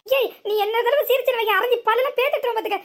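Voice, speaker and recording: Cartoon husband, boastful but jumpy, stammers under stress, very high and quick, played by a voice actor. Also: heavy background noise. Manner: stammering, nervous. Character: boastful young husband, secretly scared of ghosts. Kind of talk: comic cartoon voice acting.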